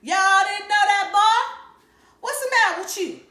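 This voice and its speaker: Woman doing a dad's booming hillbilly drawl. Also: unhurried, bright, forceful tone, full character voice. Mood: mock-stern. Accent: Southern US. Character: father mimicking a loud mocking Southern hillbilly. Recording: roomy echo.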